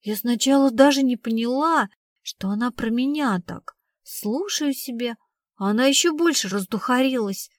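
A woman's voice: a little high, moderate pace, no room sound, clean studio sound, close to an everyday voice. A woman reading the part of a blunt, streetwise young woman who tells her story in slangy, casual speech. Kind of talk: audiobook reading.

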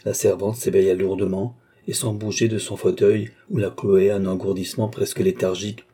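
A male narrator reading a classic novel with measured expression. His voice sits low and mellow, with a husky edge. The pacing is deliberate and literary. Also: little pitch movement. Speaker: audiobook narrator.

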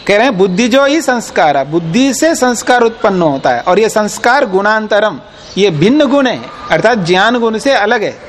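A man's voice: high-pitched, animated, moderate pace, slight background noise. A man teaching a philosophy class, explaining texts patiently and pressing his students with firm questions. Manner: explains patiently, quizzes listeners, firm and insistent. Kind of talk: classroom lecture on scripture.

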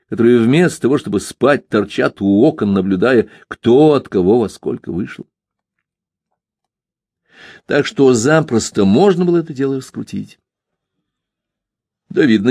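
A man's voice: medium pitch, a little mellow, husky, no room sound, studio quality. A man narrating an audiobook in a wry, sardonic storytelling manner. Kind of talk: scripted narration.

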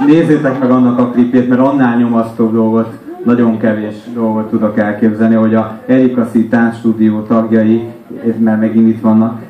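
A man's voice: on the low side, little pitch movement, reverberant, narrow, tinny audio. A man in casual chat, wry and rambling, laughing now and then.

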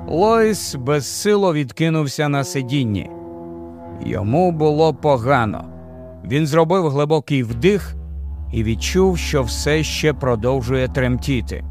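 A man narrating an audiobook in a slow, expressive storytelling manner. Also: medium pitch. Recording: dry close studio sound.

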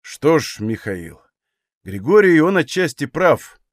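A man voicing a gruff, careful Cossack who grumbles slowly and reluctantly. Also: fairly high pitch, very animated, no room sound, clean studio sound. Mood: grumbling. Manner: grumbling, strained, slow.

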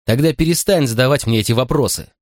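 An audiobook reader voicing a gentle, bewildered grown man who earnestly insists he doesn't know the answers. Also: mid-range voice, very animated, fairly quick, dry recording, clean studio sound, pitched above the performer's own voice. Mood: hurt.

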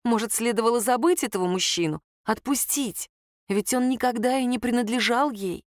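A woman narrating an audiobook in an expressive storytelling manner. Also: on the high side, moderate pace, no room sound, clean studio sound.

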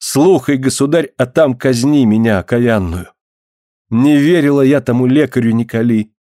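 A man reading the part of a grieving boyar's wife in an audiobook, speaking in an archaic, pleading, hushed way. His voice stays close to his own. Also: medium pitch, normal speed, no room sound, natural voice. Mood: guilt-stricken. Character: grieving guilt-stricken old-Russian boyar's wife, middle-aged woman.

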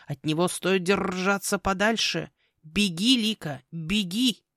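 Woman doing a pompous croaking raven spirit. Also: mid-range voice, a bit bright, dry recording, clean studio sound. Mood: alarmed. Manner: slow, self-important, croaking lecturer. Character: pompous, ever-hungry male raven family spirit. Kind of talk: audiobook character voice.

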